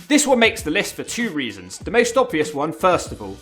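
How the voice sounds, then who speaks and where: A man narrates a countdown video with a bright, fairly high voice and very lively intonation. He is wry and informal, with music playing underneath. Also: brisk. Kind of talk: scripted video narration commentary. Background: background music.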